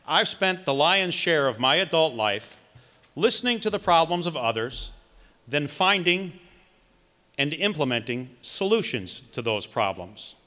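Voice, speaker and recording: A middle-aged man from Wisconsin, a political candidate reading a campaign speech at a podium microphone with measured emphasis. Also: fairly high pitch, pushed and bright. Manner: reads from notes, emphatic measured delivery. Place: large conference hall, indoors. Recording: long hall reverb.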